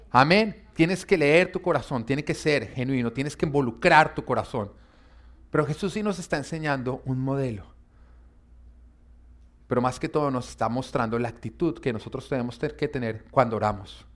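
A man preaching a sermon, emphatic and often asking his listeners questions. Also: fairly high pitch. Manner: emphatic, asks the congregation questions.

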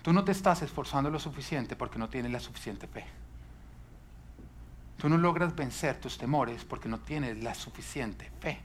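A man's voice: medium pitch, lively intonation, moderate pace, a little hiss or hum. A male pastor preaching a sermon, emphatic and full of rhetorical questions.

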